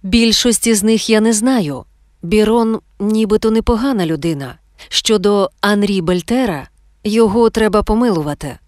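A woman's voice: mid-range voice, moderate pace, darkish tone, no echo, studio quality, close to an everyday voice. A woman playing Ida, a nineteen-year-old student pleading tearfully before a tribunal, in an audiobook.

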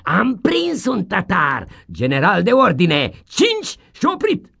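A loud, jeering schoolmaster from a storybook, as a male narrator puts him on, barking and cackling at the children. His voice jumps far above the narrator's own, high, strained and blustering, with a wide, lively swing of pitch. The scorn in it never lets up. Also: creaky, husky, heavily acted. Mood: mocking.

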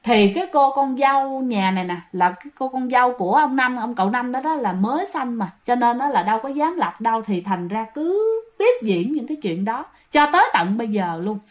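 A woman's voice: on the high side, animated, brisk, hardly any pauses. A woman with a Southern Vietnamese accent telling a ghost story in a chatty way, talking straight to her listeners and often restarting her sentences. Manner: chatty, addresses listeners directly, trails off and restarts. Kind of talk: casual ghost story narration.

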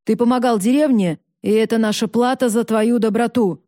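A woman's voice: fairly high pitch, steady tone, normal speed, warm tone, dry recording, studio quality, close to an everyday voice. A woman voicing a stern, scornful old village elder.

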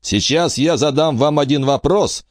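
A menacing male gang leader, played by a man reading aloud, stern and threatening. He speaks a little higher than the reader's own voice and presses hard on his words. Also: a little slow, no echo, natural voice.

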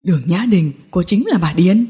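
A woman's voice: on the low side, brisk, dark tone, in a large hall, pitched below the performer's own voice, natural voice. A woman voicing a bitter, vengeful young businessman in an audiobook drama, talking coldly through clenched teeth. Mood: cold, seething.

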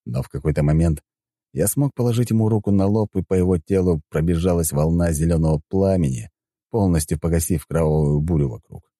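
A man narrates a fantasy story in a deep, dark voice. His reading is lively and expressive, and the recording is dry and close. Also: a little fast, dry recording. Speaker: audiobook narrator.

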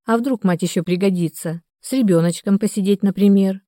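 A woman's voice: mid-range voice, fairly quick, mellow, no echo, clean studio sound, close to an everyday voice. A woman reading the part of a retired mother in her sixties, anxious and reproachful, in an audiobook.

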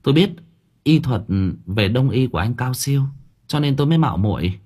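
A man voicing an eager, anxious young woman who talks in quick, flustered bursts. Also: medium pitch, lively intonation, darkish tone, slightly rough.

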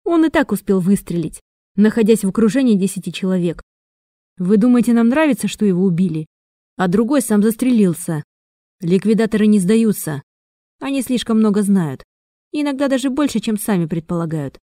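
A woman voicing a calm, self-assured male agent who explains things with conviction. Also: mid-range voice, a little fast, no echo, clean studio sound, natural voice. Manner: confident, explanatory.

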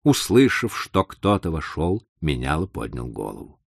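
A man's voice: rumbling low, sing-song, moderate pace, vocal fry, no echo, clean studio sound. A man narrating a story in a dramatic, theatrical reading style. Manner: theatrical, widely varied delivery. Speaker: audiobook narrator.

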